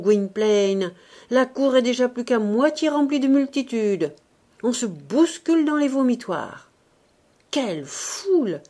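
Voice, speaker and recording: A woman voicing a grumpy, sardonic old male showman in an audiobook, talking loudly and blustering. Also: fairly high pitch, heavily acted. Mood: bossy. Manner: loud, blustering, exclamatory. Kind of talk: audiobook reading.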